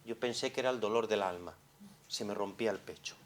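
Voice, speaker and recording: A fast-talking man with a lowish voice delivers a conference lecture as a psychologist in a conference hall. His style is expressive, shifting between hushed and loud, and full of rhetorical questions.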